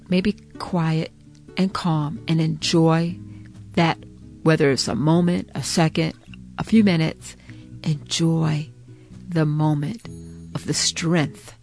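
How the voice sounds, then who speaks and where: A woman leading a guided breathing meditation in a soothing, encouraging manner, with halting phrases and repetition. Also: deep voice, fairly even intonation, a little mellow, soft background music.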